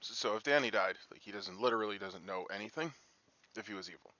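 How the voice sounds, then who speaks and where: A man's voice: lowish voice, fast talker, sharp tone, no room sound, lo-fi sound. A man talking casually through a game, reasoning aloud with emphatic, uneven delivery. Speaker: player in an online social deduction game.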